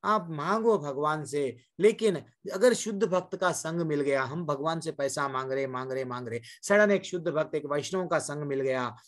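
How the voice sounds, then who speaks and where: A man with a somewhat raised pitch delivers a devotional sermon to a class. He speaks to his listeners directly as mothers and brothers and asks them rhetorical questions. He mixes English words into his Hindi as he goes. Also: moderate pace, few pauses.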